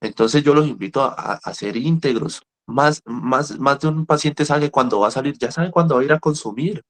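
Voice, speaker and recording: A middle-aged man counseling people in recovery in a lively talk. He tells stories, repeats himself and speaks straight to his listeners. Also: a little high, moderate pace. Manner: animated, repeats words, speaks directly to listeners. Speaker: rehab counselor. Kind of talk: motivational talk with storytelling.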